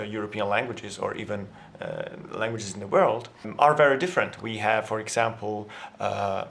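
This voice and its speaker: A language vlogger whose first language is Italian gives a casual grammar lesson to camera, thinking aloud with lots of fillers and restarts. His voice sits on the low side, creaky, with a fairly bright tone.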